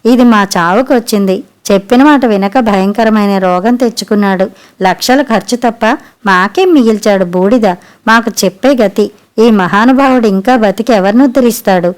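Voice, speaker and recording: A woman's voice: mid-range voice, moderate pace, close to an everyday voice. Woman voicing a shrewish cursing mother. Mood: bitter. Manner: harsh scolding. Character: shrewish middle-aged mother, loud and cursing.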